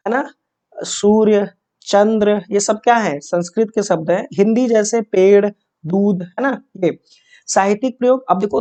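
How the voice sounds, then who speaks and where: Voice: mid-range voice, dark tone. A teacher giving an exam-prep grammar lesson, asking questions and answering them, checking in with short tags. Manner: repeats key points and checks with "है ना" and "yes or no".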